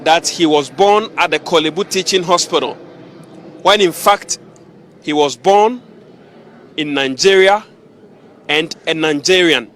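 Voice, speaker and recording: A man's voice: fairly high pitch, measured pace, pauses often, a bit bright, a little hiss or hum. A man working as a news reporter, insistently grilling a suspect in a confrontational interview. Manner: pointed, insistent questioning.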